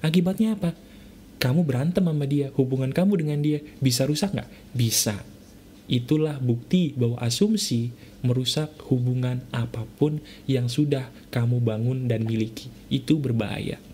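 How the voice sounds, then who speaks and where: A man's voice: mid-range voice, normal speed, mellow, a little hiss or hum. A man giving a motivational talk, asking the listener direct rhetorical questions. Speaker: motivational speaker.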